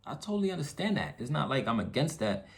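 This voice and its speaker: A very animated, fast-talking man with a mid-range voice and vocal fry rants casually to his YouTube viewers. He's candid and earnest, full of slang, repeating phrases for emphasis and constantly using check-in tags.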